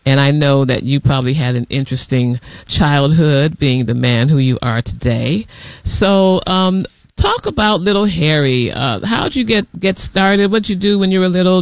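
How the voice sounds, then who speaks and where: A man's voice: fairly high pitch, clean tone, no room sound. A man hosting a college radio talk show, introducing and interviewing a guest with enthusiasm.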